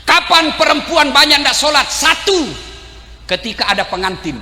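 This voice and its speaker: High-voiced, bright preacher shouting jokes. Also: male voice, normal speed. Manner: animated, joking, shouts to the audience. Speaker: Islamic preacher. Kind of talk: humorous sermon to a crowd. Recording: echoey hall, faint ambience.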